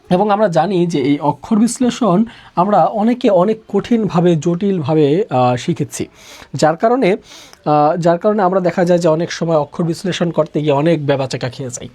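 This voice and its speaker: A man's voice: on the high side, dark tone. A male teacher giving a live online lecture, repeating questions and answers to drill the point, with frequent "ah" fillers. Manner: repetitive call-and-response questioning; uses filler "আহ" often.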